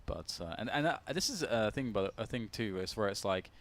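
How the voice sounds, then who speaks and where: A man's voice: lowish voice, expressive, brisk. Male play-by-play esports caster. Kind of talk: live play-by-play commentary.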